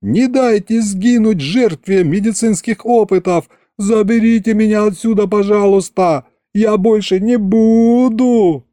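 A man's voice: sits high, unhurried, few pauses, mellow, no echo, clean studio sound, voice pushed up. A man voicing a whiny, melodramatic young man who wails and pleads. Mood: pleading. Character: whiny young male clerk Fedor, hero.

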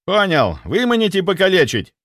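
A man's voice: high voice, huge pitch swings, moderate pace, fairly bright tone, no room sound, studio quality, pitched above the performer's own voice, full character voice. A man voicing an overeager, blindly obedient male security chief who barks his lines in military style. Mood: barking eager. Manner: barking, military, overzealous.

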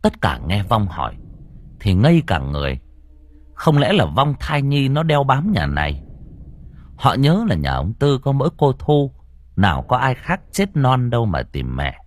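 A man narrating an audio horror story in an expressive, dramatic way. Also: mid-range voice, moderate pace.

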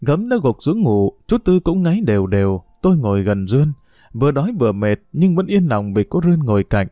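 A man reading a story aloud in a steady, even narrating voice. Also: medium pitch, brisk, no room sound, studio quality. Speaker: audiobook reader.

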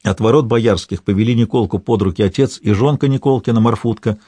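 A man reading a historical tale aloud in measured, storytelling narration. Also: on the low side, mellow, slightly rough, no room sound.

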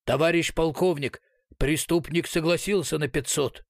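A man's voice: a little high, normal speed, vocal fry, no echo, clean studio sound. A man voicing a stubborn male police captain who talks in terse, clipped phrases. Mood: curt.

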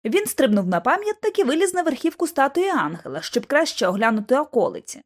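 A woman narrating a novel aloud in a lively, dramatic manner. Her voice sits high and swings widely in pitch as she tells the story. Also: quick pace. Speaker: audiobook reader.

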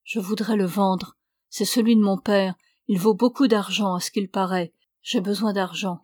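A woman's voice: medium pitch, steady tone, normal speed, a little mellow, dry recording, studio quality, natural voice. A woman reading as a subdued grieving young man. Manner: subdued, muffled. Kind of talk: audiobook character reading.

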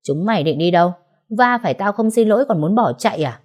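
A woman voicing a drunk, bullying man who shouts slurred abuse in speech, as an audiobook character. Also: mid-range voice, animated, quick pace, close to an everyday voice. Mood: drunk, furious.

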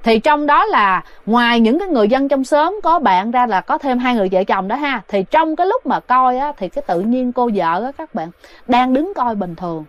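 A woman's voice: on the high side, expressive, normal speed, no echo. A woman telling a ghost story in a chatty way, talking straight to her listeners. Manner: chatty, addresses listeners directly. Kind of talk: spoken ghost story narration.

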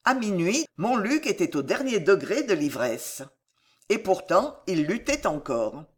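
A woman narrating a historical novel as an audiobook reader, in measured, expressive storytelling. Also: medium pitch, breathy edge.

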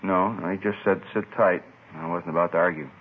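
A man's voice: deep voice, fairly even intonation, brisk, husky. An actor playing a male police desk officer who recounts an incident plainly, with dry understatement. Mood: recounting. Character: male desk officer, shaken but matter-of-fact. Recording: tinny old radio broadcast.

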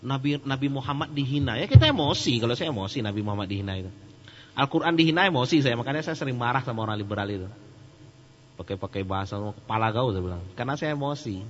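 A man giving a casual question-and-answer sermon, joking and animated. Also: fairly low pitch, fast, big-room sound. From Sumatra. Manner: joking and animated, laughs at his own jokes. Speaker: Islamic preacher. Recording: muffled lo-fi recording with faint hum.

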